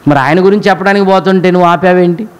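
A man's voice: high-pitched, rapid-fire, smooth, poor audio. A man preaching a sermon, addressing the congregation with frequent rhetorical questions. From India.

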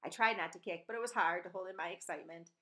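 In a small room at home, a woman in her forties reads from a novel into a webcam mic at desk distance. Her voice sits on the lower side and moves quickly. The reading is animated, storybook-like, and dotted with little stumbles she fixes on the spot.

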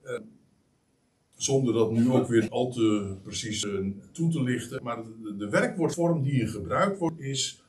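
A man's voice: mid-range voice, a little slow, recorded from a distance. A man delivers a sermon in a church hall, his voice swinging up and down with emphasis. He halts often and restarts mid-thought. The mic sits some way off from him. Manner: lively, emphatic preaching with many hesitations. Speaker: preacher.

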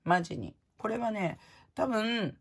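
A woman vlogger with a medium-pitched, slightly rough voice talks slowly but with lively intonation. She chats casually and frankly while opening prizes, rambling from one topic to the next.

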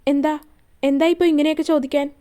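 Woman reading as a tender young lover, soft and playful, high voice, storybook. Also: level tone, fast talker, natural voice. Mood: hurt. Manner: softly pleading and playful.

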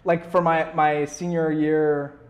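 Speaking slowly in a slightly high, level voice, a young male musician rambles casually as an interview guest, slangy and filling his speech with "like". He is recorded on a clip-on lapel mic in a small furnished indoor room.

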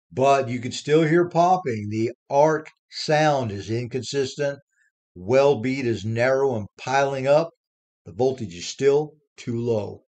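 A man in his thirties giving a step-by-step welding tutorial in a home auto shop, speaking in a slow, deliberate, instructive way. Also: medium pitch, darkish tone.

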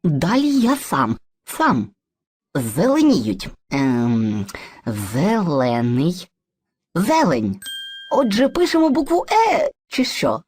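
A woman's voice: deep voice, wildly swooping pitch, takes it slowly, darkish tone, a little hiss or hum, exaggerated voice. Woman voicing Surzhyk, a muddled eager boy. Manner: boastful, hesitant, playfully theatrical. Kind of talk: educational cartoon dialogue.

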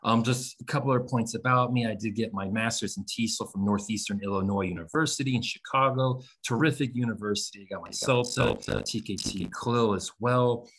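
Middle-aged male webinar presenter, American accent, mid-pitched, measured and emphatic, informal lecturing style over a video call. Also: fairly bright tone, slightly rough, poor audio. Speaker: webinar presenter and English teacher trainer.

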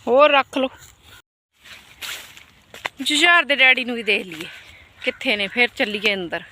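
A woman's voice: on the high side, expressive, measured pace, sharp tone, slight background noise. A woman with a rural Punjabi accent chatting casually in a homely, exclamatory, grumbling village way as she vlogs outdoors. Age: adult, mother of a child. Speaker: vlogger. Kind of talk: casual chat to camera and family during farm chores. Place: outdoors on a farm.

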